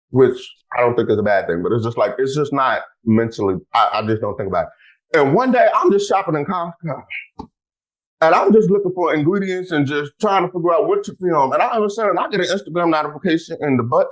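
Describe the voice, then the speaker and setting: A male podcast host in casual conversation, excitable and animated. His pitch climbs and falls all over the place as he tells stories, and he keeps throwing playful asides to his listeners. The tone is loose, chatty and quick to get excited. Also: low-quality recording. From Houston, United States. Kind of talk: casual chat.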